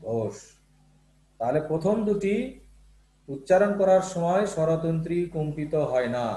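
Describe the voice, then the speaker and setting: A man's voice: fairly high pitch, warm tone, roomy sound. A male teacher explaining Bangla sounds in a lesson, patient and repetitive, often checking that students follow, with a Bangladeshi Bangla accent. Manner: explains patiently, repeats terms and checks with "ঠিক আছে?". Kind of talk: classroom lesson on Bangla phonetics.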